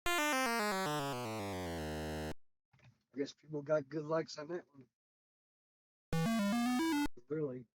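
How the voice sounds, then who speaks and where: Brief: an unhurried male sidekick, a little high, short laid-back reactions, loud music behind. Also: wildly swooping pitch. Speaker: co-host friend. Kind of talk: casual gaming chat.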